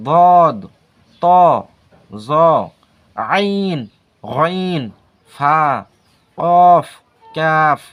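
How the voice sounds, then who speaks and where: A man teaching the alphabet in a casual video lesson, patient and hesitant, saying letters aloud slowly one by one. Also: on the high side, a bit bright. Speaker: language teacher.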